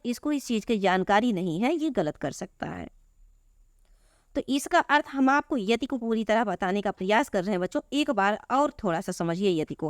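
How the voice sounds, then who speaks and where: Patient woman teacher explaining slowly. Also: fairly high pitch, no room sound, studio quality. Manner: patient, repetitive explaining, addressing students as children. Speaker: Hindi teacher. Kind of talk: classroom lesson explaining grammar.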